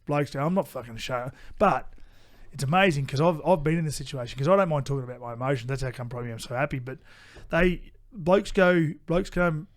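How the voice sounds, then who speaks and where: A man's voice: a little high, a little fast, few pauses. A middle-aged Australian man co-hosting a podcast, chatting casually and bluntly, swearing often and restarting his sentences. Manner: blunt, swears freely, repeats himself. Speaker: podcast co-host. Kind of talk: casual chat.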